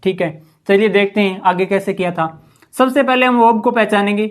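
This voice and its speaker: A man with a high voice teaches English grammar a little fast, classroom style. He's patient, keeps posing rhetorical questions to his listeners, and often says "ठीक है".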